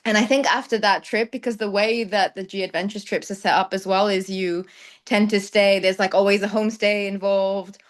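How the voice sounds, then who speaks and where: Speaking at a normal pace with fairly even intonation, this mid-range female voice belongs to a young Dutch-raised travel creator. In a conversational interview she considers each question carefully, sprinkling in many ums and soft laughs.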